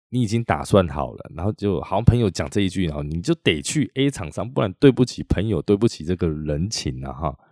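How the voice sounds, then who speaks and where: A man with a Taiwanese Mandarin accent hosts a podcast, telling a personal story in a loose, chatty way full of drawn-out tag particles. His voice sits very low. The sound is dry and close. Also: a little mellow, no echo. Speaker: podcast host. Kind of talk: casual storytelling monologue.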